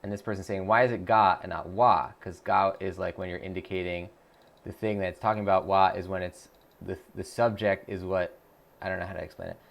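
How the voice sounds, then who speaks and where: A man with a low, creaky voice and a steady tone talks a little fast while live-streaming his language-app practice. Casual and thinking aloud, he stumbles through fillers and restarts and answers viewers by reading their messages aloud.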